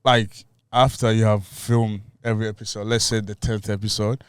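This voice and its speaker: A young man from Burundi co-hosts a casual podcast, rambling easily with fillers and restarts. His voice is smooth and resonant, and the recording is dry and close. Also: lowish voice, level tone, moderate pace, no room sound. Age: young adult. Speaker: podcast co-host.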